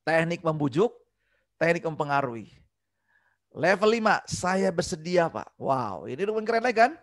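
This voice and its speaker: A man giving an online business communication training, energetic and acting out customer replies. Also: a little high, moderate pace, no echo, studio quality.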